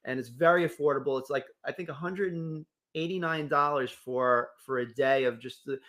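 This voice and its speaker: A man's voice: mid-range voice, normal speed, a bit bright. A man co-hosting a casual local morning radio show, upbeat and reading sponsor plugs with enthusiasm.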